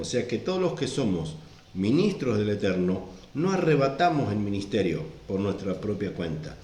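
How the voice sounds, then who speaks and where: A man's voice: fairly low pitch, a little mellow, reverberant. A man preaching a sermon, stressing and repeating his points as he reads scripture aloud. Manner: repeats and stresses verse references. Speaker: pastor.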